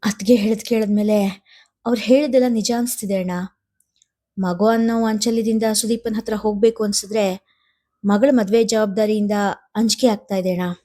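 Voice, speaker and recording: A woman's voice: medium pitch, fairly even intonation, fairly quick, pauses often, warm tone, natural voice. A woman voicing a worried middle-aged mother who talks to her elder brother in an anxious, hesitant way.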